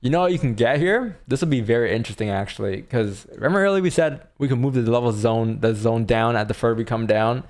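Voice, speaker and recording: A man's voice: medium pitch, fast, hardly any pauses, darkish tone. A man giving casual live commentary as a stream host, rambling informally and thinking aloud.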